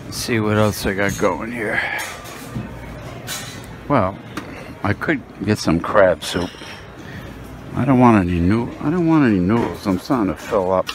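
A food vlogger films himself on a handheld phone while walking around a buffet restaurant, musing about the food with lots of fillers in casual narration. His voice is on the low side and expressive, a little slow with long pauses, against a noisy background.

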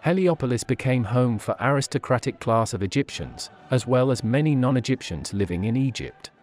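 A man reading scripted documentary narration for a walking tour, in a measured, list-by-list delivery. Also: medium pitch, animated, darkish tone.

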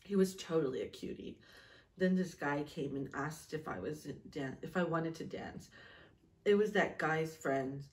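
Seated at a table in a small, echoey indoor room, a low-voiced woman in her late thirties, a vlogger mom, reads from her old diary and tosses in casual asides. She's unhurried yet expressive and giggly, cutting herself off now and then, captured by a distant mic.

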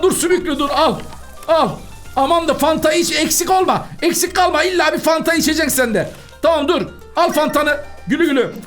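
Very high-voiced excitable gaming man. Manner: fast, excitable, chatty, talks to game customers. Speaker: gaming channel host. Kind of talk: excited gameplay commentary.

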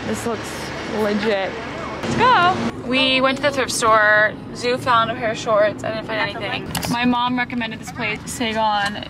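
A woman's voice: fairly high pitch, a little slow. A young woman in her twenties narrating a casual travel vlog, chatty and upbeat, recorded on a handheld camera. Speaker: vlogger. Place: outdoors and in busy restaurants and bars. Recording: loud crowd and street noise.

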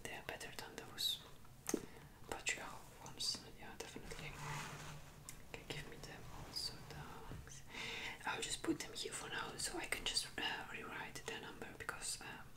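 A young woman doing a whispered role-play as a helpful librarian, in a soft, polite, unhurried library whisper with hesitant pauses. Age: young adult. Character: helpful, chatty young librarian serving a visitor. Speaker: ASMR creator playing a librarian. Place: small indoor room at home. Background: computer keyboard typing.

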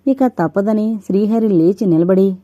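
A woman reading a novel aloud in steady scripted narration. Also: medium pitch, normal speed, dry recording, highs cut off. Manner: steady storytelling. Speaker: audiobook narrator.

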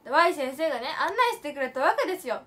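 A young woman with a high, light voice chats with her stream viewers. She tells her stories playfully and leans hard on her punchlines. She slips easily between polite phrasing and casual slang. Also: sing-song, quick pace, fairly bright tone. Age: late teens. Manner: chatty storytelling with playful emphatic asides. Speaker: idol livestream host. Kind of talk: casual livestream chat.

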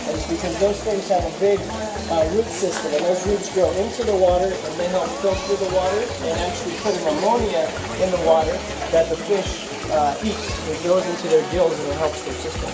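A middle-aged man giving a casual outdoor tour of his fish farm, talking haltingly with many fillers and restarts. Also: high-pitched, fairly even intonation, poor audio. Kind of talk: casual walking tour explanation. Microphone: handheld camera nearby. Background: loud music added over the talk.

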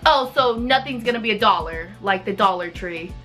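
Bright-voiced young woman, naively persistent. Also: mid-range voice, animated, moderate pace, soft background music. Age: 20s. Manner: feigned naive, persistent questioning. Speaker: prank caller in a video. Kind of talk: casual phone prank call. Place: small indoor room.

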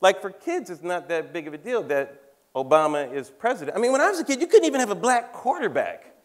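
A man's voice: high voice, big pitch swings, fast. Wry fifty-something man on a theater stage. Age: 50s. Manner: wry, conversational, teasing the audience, laughing at his own jokes. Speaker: comedian and cultural commentator. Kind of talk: stand-up style talk on stage. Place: large theater stage before a live audience.

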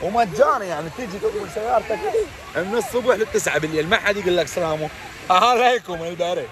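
Iraqi man, high swooping voice, excited exclaiming in ice cold water, casual selfie vlog, noisy outdoor phone audio. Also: quick pace, crowd noise. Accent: Iraqi Arabic. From Iraq. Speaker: vlogger. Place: outdoors, in a lake beside a fountain. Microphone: phone at arm's length.

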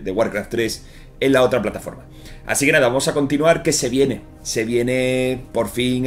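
Man, Castilian Spanish accent, low voice, chatty gameplay streamer, jokey, informal, light game music behind. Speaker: gaming streamer. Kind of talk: casual gameplay commentary.

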